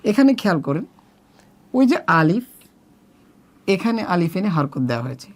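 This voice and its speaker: A woman's voice: big pitch swings, normal speed, darkish tone. A woman teaching children an Arabic reading lesson, explaining and then spelling out letters one by one in a methodical drill. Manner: methodical letter-by-letter drilling, pitch jumping between items.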